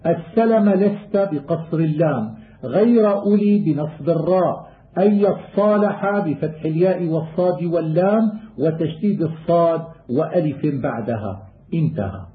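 A man with a fairly high voice reads a scholarly lesson aloud, chanting lines of verse slowly before explaining them in a steady, measured way. The sound is thin and tinny, like a phone line. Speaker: teacher of Quran readings. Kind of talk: reading a scholarly text aloud.

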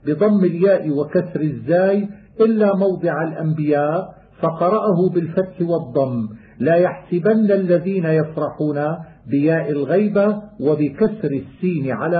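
Guy teaching quran readings, slow chanted verses then steady explaining, kinda high voice, tinny phone-ish audio. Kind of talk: reading a scholarly text aloud.

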